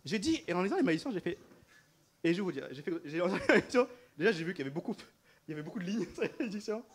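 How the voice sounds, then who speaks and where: A man preaching a sermon in an animated way, repeating phrases and laughing between them. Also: high-pitched, very fast, husky. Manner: animated, repetitive, often laughing mid-phrase.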